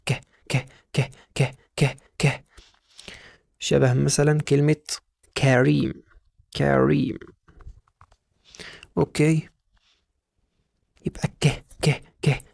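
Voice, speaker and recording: A man's voice: on the high side, gravelly, a little mellow, no echo, clean studio sound. A man with an Egyptian Arabic accent teaching English letter sounds to beginners, repeating each sound over and over and urging the viewer to say it with him. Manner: drills sounds by repetition, coaxing the viewer. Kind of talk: beginner phonics lesson.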